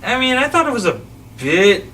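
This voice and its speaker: A man's voice: extremely high pitch, big pitch swings, moderate pace, pushed and bright. A man hosting a casual podcast chat about films, rambling and often restarting his sentences. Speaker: podcast host. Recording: distant mic with faint ambient noise.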